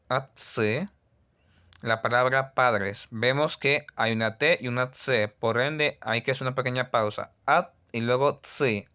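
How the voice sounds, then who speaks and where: A man teaching a language lesson, patiently repeating words and sounds slowly for learners. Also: mid-range voice, sharp tone, clear, resonant tone.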